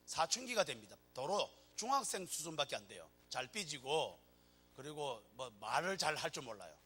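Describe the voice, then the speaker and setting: A man's voice: a little high, normal speed, husky. A man with a Gyeongsang accent preaching a sermon as pastor, joking and acting out little scenes as he goes. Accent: Gyeongsang Korean. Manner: animated, joking preacher who acts out scenes.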